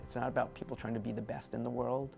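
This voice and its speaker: A faculty man speaks earnestly in elevated, idealistic phrases. His voice carries a gravelly rasp, and clear music plays underneath. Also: mid-range voice, flat delivery, quick pace. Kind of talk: promotional testimonial.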